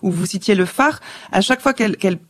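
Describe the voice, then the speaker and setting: A woman hosting a radio interview, asking measured, articulate questions. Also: medium pitch, expressive. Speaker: radio host. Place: radio studio.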